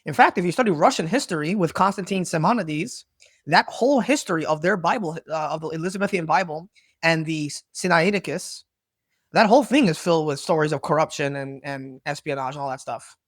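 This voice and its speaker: A man's voice: fairly high pitch, brisk, fairly bright tone, dry recording, studio quality. A man giving unscripted Bible teaching, rambling and correcting himself, often checking in with "right?".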